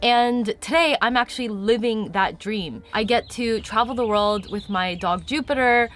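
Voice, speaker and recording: A woman's voice: fairly high pitch, moderate pace, a bit bright. A woman in her thirties, talking candidly to her viewers in a casual vlog, a little congested from a cold. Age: 30s. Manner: candid, confiding. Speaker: vlogger. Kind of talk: casual to-camera chat.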